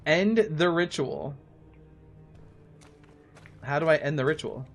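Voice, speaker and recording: Soft music plays in the background as a livestreaming gamer, a man in his late thirties, talks with his audience in a relaxed, friendly manner, frequently musing aloud. His voice is slightly high and his delivery slow.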